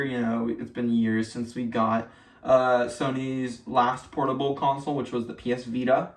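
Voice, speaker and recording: A man co-hosting a weekly news roundup, chatting casually and reading articles aloud, with lots of fillers and restarts. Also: medium pitch. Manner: rambling with many fillers and restarts. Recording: echoey room, mic at a distance.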